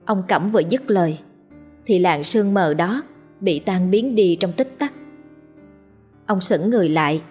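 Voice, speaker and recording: A woman narrating a ghost story in a steady, dramatic reading voice. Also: lowish voice, slightly rough.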